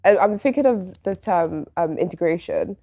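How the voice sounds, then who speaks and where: A woman explains an astrology card reading in a measured way, with a low voice for a woman. The recording is dry and close, with no room sound. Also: expressive, dark tone, dry recording. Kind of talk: explanatory chat.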